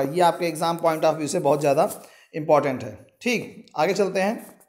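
In this syllabus walkthrough lecture, a man's voice sits high and sounds a little mellow. He explains by asking rhetorical questions and keeps telling students which parts of the exam material to underline.

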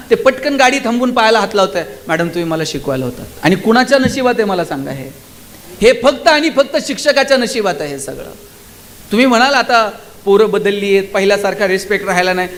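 Man with a very high voice, motivational speaker, rhetorical questions, talks straight to the crowd. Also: fairly bright tone. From Maharashtra, India. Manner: rhetorical questions, direct address to audience. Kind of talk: public speech to students and teachers.

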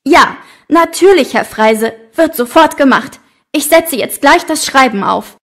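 Woman acting as office assistant, very high voice, careful and deferential, lesson dialogue. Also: animated, unhurried, fairly bright tone, heavily acted. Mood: apologetic. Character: dutiful female office assistant. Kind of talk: scripted language-lesson dialogue.

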